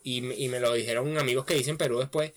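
A young Venezuelan man chatting casually on a podcast, telling lively stories and acting out his own past lines. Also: mid-range voice, fast. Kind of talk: casual chat. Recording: noisy background.

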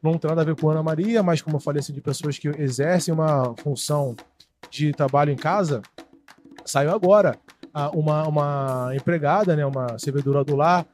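A man's voice: a little high, a little fast, darkish tone, soft background music. A man co-hosting a casual chat show, talking in an emphatic, indignant, slangy way.

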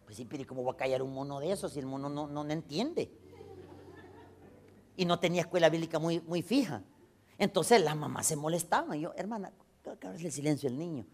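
A male pastor preaching a storytelling sermon, swinging from loud exclamations to low asides. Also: brisk.

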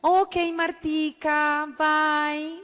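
A woman imitating a pushy female recruiter in a coaxing, drawn-out sing-song voice. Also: high voice, level tone, a bit bright, heavily acted. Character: pushy, sugary woman recruiter who keeps calling. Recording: echoey hall.

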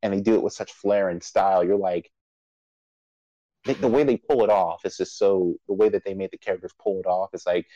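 A man's voice: on the low side, dark tone, dry recording, muffled recording. Stammering man moderating a casual chat. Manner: rambling, stammering restarts, laughs often. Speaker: podcast moderator. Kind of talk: casual chat about anime awards.

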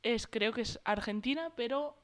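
A woman in casual chat, telling a story in an animated, gossipy way with many fillers. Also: on the high side, normal speed.

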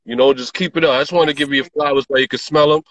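A man's voice: a little high, fairly even intonation, quick pace, fairly bright tone. A man chatting casually in a slangy, emphatic way, repeating his phrases, over lo-fi call audio. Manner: slangy, emphatic, repetitive praise. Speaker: music artist guest. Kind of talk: casual chat.

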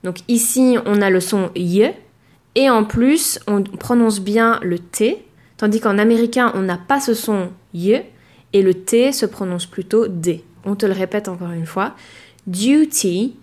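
A woman at a middling pitch runs a language lesson. She explains in a clear, measured way and slows down to demonstrate each example word. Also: a little mellow. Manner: clear and measured, slowing down to model words. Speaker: language teacher.

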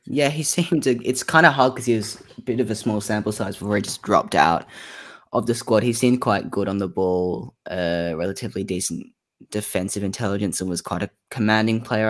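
A man co-hosting a casual sports podcast, relaxed and offhand. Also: fairly low pitch. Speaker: podcast co-host.

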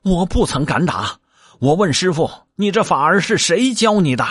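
A cocky, hot-tempered male monkey from a storybook, whose voice leaps up into shrill yelps when he is hurt, as a man acts him out. His lines swoop widely and sound husky and dry. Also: sing-song, moderate pace, fairly bright tone, dry recording, full character voice. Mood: brash. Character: brash quick-tempered monkey disciple, male.

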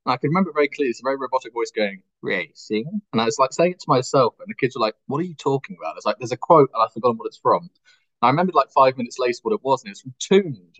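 A man's voice: mid-range voice, no echo, muffled recording. A man co-hosting a casual podcast chat, telling stories with acted-out quotes and frequent laughs. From Britain. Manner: animated storyteller, acts out quotes, laughs often. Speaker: podcast co-host.

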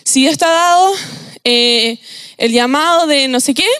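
A young woman with a Chilean accent giving a casual, slangy youth sermon, animated and laughing often. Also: high-pitched, unhurried, no echo, studio quality. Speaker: youth preacher.

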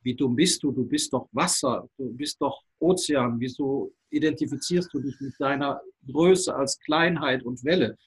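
A man's voice: mid-range voice, moderate pace, hardly any pauses, breathy edge, natural voice, rough recording. A man voicing a chiding, impatient seagull in a spoken parable. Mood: scolding. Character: scolding seagull, impatient, wise.

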